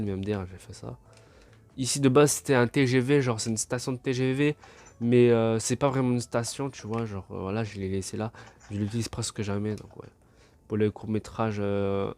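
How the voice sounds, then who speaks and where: A young man with a lowish voice talks through his game build in a loose, rambling way, stacking up fillers and poking fun at himself. Faint music plays underneath. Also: a little mellow. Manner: rambling, filler-heavy, self-mocking. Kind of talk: casual gameplay walkthrough.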